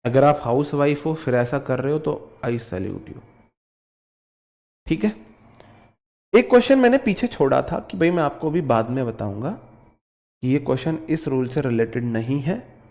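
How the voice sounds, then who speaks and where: A man with a Haryanvi accent teaching an online English grammar class, lively and teasing, acting out his students' questions. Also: mid-range voice, a little slow, pauses often. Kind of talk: online exam-prep grammar lesson.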